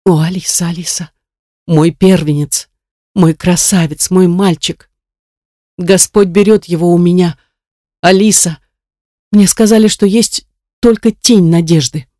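A distraught mother speaks in pleading, tearful phrases, as an audiobook reader puts her on. The tone is mellow and dark, recorded dry and close. She sounds worn down by worry for her child. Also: mid-range voice, fairly even intonation, unhurried, long pauses, no echo, close to an everyday voice. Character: anxious, grieving mother of a sick boy. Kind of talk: audiobook character reading.

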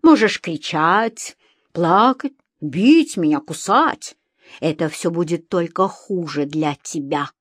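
A woman's voice: fairly low pitch, lively intonation, slow pace, dry recording. Audiobook: scheming foreign husband, sly and curt, as a woman reader does him, broken Russian, dry read. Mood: menacing.

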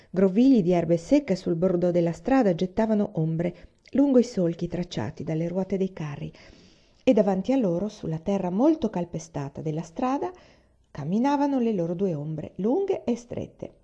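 Calm woman reading a children's novel. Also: fairly low pitch, highs cut off. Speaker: reader.

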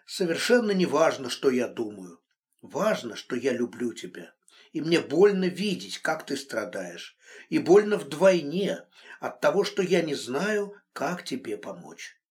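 A man's voice: a little high, sing-song, measured pace. A man voicing a stern, worried man who scolds and comforts a friend brusquely. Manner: brusque, exasperated.

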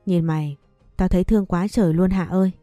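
Woman voicing a kind, motherly older market vendor, affectionate, fussing, low voice. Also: steady tone, fast talker, dark tone, no echo, soft background music, natural voice. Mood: caring.

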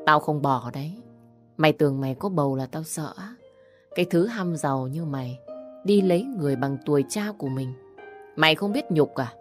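A spiteful young woman jeers and goads in this audio story, voiced by a woman reader. The voice sits low and carries a bullying, mocking edge. Faint music plays underneath. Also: brisk, lightly acted. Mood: taunting. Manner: taunting, insulting, picking a fight.

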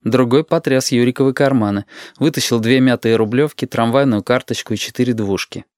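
A man narrating an audiobook in an even, measured storytelling voice. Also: mid-range voice, no echo, clean studio sound.

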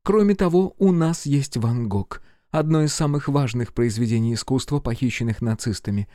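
Man doing a stern commanding woman agent, raised pitch, mellow tone, dry studio. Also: normal speed, no room sound, natural voice. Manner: cold, commanding. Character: Van Straaten, cold determined female agent.

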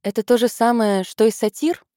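Woman reading as an excitable teen girl, gushy and romantic, voice pitched up high. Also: moderate pace, no echo, clean studio sound, close to an everyday voice. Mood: eager. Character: teenage girl Frances, eager, gushing, romantic.

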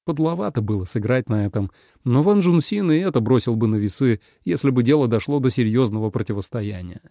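A man narrating an audiobook in an expressive storytelling manner. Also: medium pitch, brisk, dry recording, clean studio sound. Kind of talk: scripted narration.

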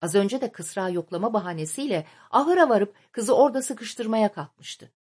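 A woman reading a novel aloud as an audiobook narrator, in a measured, literary storytelling manner. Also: medium pitch, animated, darkish tone, husky.

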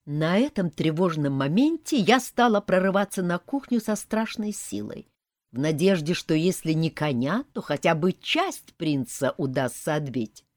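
A woman reading a first-person audiobook with wry, lively storytelling. Her pitch ranges widely and expressively. The voice is close and dry with no room sound. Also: normal speed, no room sound. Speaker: audiobook narrator.

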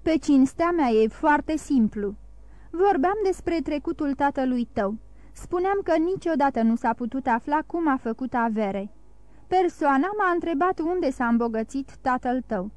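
Middle-aged banker, defensive, blustering, frightened, read by a woman, high pitch, dry recording. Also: lively intonation, darkish tone, no room sound. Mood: explaining.

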